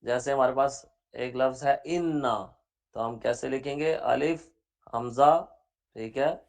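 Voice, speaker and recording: A man teaching a Braille class online, slowly spelling out each word letter by letter, patient and repeating his examples. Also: mid-range voice, creaky. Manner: spells out words letter by letter, slow and deliberate.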